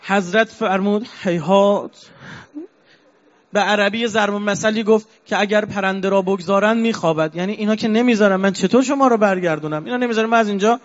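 Man, preacher, mourning sermon, grieving storyteller, slow chanted verses, fairly high voice, dull lo-fi sound. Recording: dull lo-fi recording.

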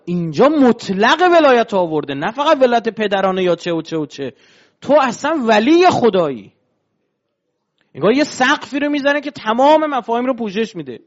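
A man's voice: high voice, dull audio. A man giving a religious lecture, explaining step by step and asking his listeners rhetorical questions.

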